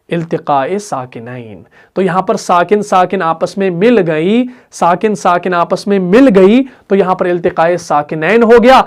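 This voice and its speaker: A man with a Pakistani Urdu accent leads a recitation lesson. He works through each point step by step. He keeps asking the class short questions and then answers them himself. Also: high-pitched. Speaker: Quran recitation teacher. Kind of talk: classroom explanation.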